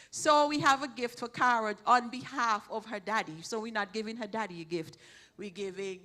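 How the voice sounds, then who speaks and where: A woman gives thanks from the front of a church, her voice bright and clear, pitched a little high. She talks in a chatty, thankful way, restarting her sentences often as she goes. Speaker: church program leader. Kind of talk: church announcements. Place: church hall.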